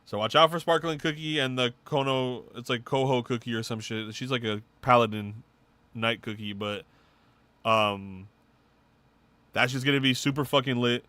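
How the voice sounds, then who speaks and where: Excitable slangy man, bright and dry. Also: medium pitch, normal speed, no echo. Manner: excited, swearing, slangy game news rundown. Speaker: podcast co-host. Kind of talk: casual chat.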